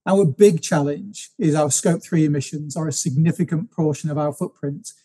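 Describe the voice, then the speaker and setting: Measured businesslike man, husky tone. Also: on the high side, warm tone. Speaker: guest from a fruit company. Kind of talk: podcast interview answers.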